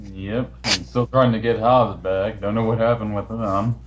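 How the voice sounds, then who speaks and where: A man with a lowish, steady voice hosts a casual online voice chat, speaking unhurriedly in an informal, matter-of-fact way. There's a noisy background on the recorded call.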